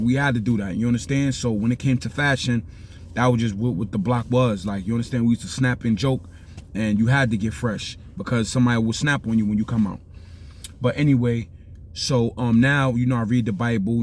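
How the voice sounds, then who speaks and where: With a low, mellow voice and a New York Bronx accent, this South Bronx vlogger hands out life advice in casual street talk. He rambles and keeps asking "you understand?", and there's slight background noise.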